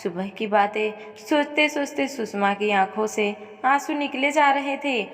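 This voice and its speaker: A woman with a slightly high voice narrates a dramatic scripted story a little slowly and in a melodramatic manner. She reads out speaker names before the dialogue, and long reverb hangs on her voice.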